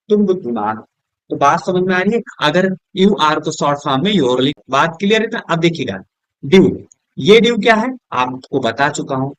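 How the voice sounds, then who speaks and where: A man with Hindi-accented English, teaching a lesson at a board, asking questions and answering them himself, softer and lower on each answer word. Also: no room sound. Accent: Hindi-accented English words. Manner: drops low and soft on the answer words; keeps checking with "is that clear?".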